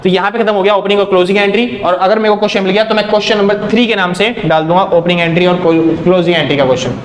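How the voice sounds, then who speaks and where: High-voiced man teaching accounting. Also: racing, roomy sound, slight background noise. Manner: explains step by step, asks and answers his own questions. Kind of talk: accounting lecture.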